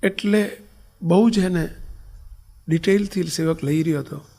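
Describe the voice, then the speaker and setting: A little slow in delivery, a Gujarati-accented swami preaches a storytelling sermon. His slightly high voice carries a husky, gravelly edge, and he swings from loud, stressed statements to hushed, near-whispered ones.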